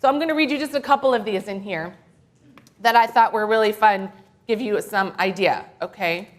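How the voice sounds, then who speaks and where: A woman minister giving a playful, animated children's talk during a worship service, asking the kids questions and reading short tips aloud. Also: mid-range voice, moderate pace. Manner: animated, playful, gently encouraging. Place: church sanctuary.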